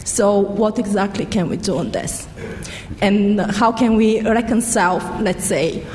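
A woman's voice: medium pitch, a little slow, a little mellow. A woman asking a question from the floor at a panel, in a hesitant way full of fillers. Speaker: audience questioner. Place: large hall. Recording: echoey hall, faint background noise.

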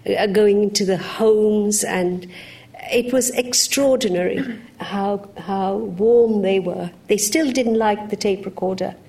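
A woman from Uganda speaking on a panel, telling personal stories in a lively, frank way. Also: mid-range voice, takes it slowly. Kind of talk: anecdotal panel discussion.

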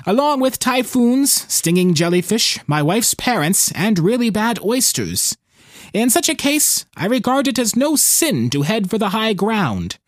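A man's voice: high voice, sing-song, no room sound, clean studio sound, pitched above the performer's own voice. A man voicing a cheerful, placid older fisherman in a storybook reading, speaking heartily and without hurry in a raised voice. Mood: wry. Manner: hearty and unhurried.

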